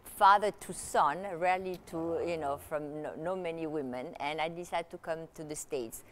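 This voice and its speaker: Speaking at a normal speed in a low-pitched voice, this woman raised in Italy and native in Italian appears as an interview guest. A luxury consultant and author, she recounts her career in a loose, conversational way with frequent fillers and false starts, over a slight hiss or hum.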